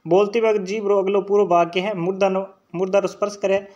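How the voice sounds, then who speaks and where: High-voiced Rajasthani teacher drilling sounds. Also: male voice, little pitch movement, a little fast, a little mellow, lo-fi sound. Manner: drills sounds aloud, checks in with "theek hai" often. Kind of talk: online exam-prep lecture.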